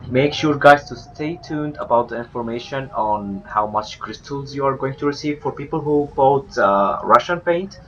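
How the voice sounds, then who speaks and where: A man's voice: mid-range voice, moderate pace, few pauses, fairly bright tone. Man, co-commentator, casual, agreeable, muffled lo-fi mic, faint hiss. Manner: loose, agreeing, filler-heavy. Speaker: co-commentator and team coach.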